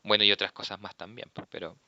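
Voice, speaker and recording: A man with a Chilean accent giving a philosophy class, explaining patiently and tagging his points with quick check-in questions. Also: lowish voice, fairly even intonation, pushed and bright, no echo, muffled recording. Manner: explanatory, tags sentences with "¿cierto?". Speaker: philosophy teacher. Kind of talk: classroom lecture.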